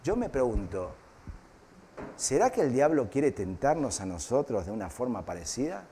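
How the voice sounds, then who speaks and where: A man's voice: mid-range voice, big pitch swings, normal speed, mellow, slight background noise. A man pastor preaching a live church sermon, often asking the congregation questions and tagging on "¿eh?". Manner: asks the congregation questions, repeats "¿eh?". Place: church hall.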